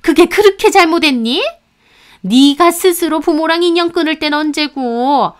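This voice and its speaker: Woman doing a shrill scolding mother-in-law. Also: moderate pace, natural voice. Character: spiteful older mother-in-law, scolding and contemptuous.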